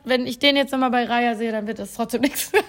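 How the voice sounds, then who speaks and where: A woman's voice: fairly high pitch, fast talker, a crowd in the background. A woman, chatting casually as a podcast host and acting out quotes as she tells a story. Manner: animated storytelling, acts out quotes. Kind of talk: casual chat.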